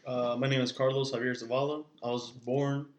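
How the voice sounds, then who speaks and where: A nineteen-year-old man from California tells stories in a relaxed, slangy way during a casual podcast chat. His voice sits at an ordinary middle pitch for a man. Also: fairly quick. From California, USA. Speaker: podcast co-host.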